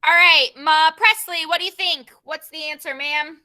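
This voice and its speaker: A young woman teacher leading an online grammar class over a video call, brisk and given to repeating her prompts. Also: sits high, fairly even intonation, sharp tone, slight background noise.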